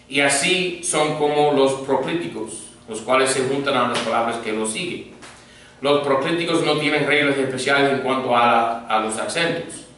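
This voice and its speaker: A pastor teaches a grammar class in a mid-range, bright, forceful voice, patiently checking that students follow and having them repeat words after him. He's recorded from far off in an echoey room with faint noise.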